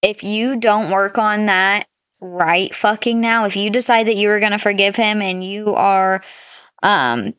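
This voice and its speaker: A woman's voice: medium pitch, a bit bright, smooth, no echo, clean studio sound. A woman in her thirties co-hosting a podcast, giving blunt, emphatic advice in casual chat and swearing often. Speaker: podcast co-host.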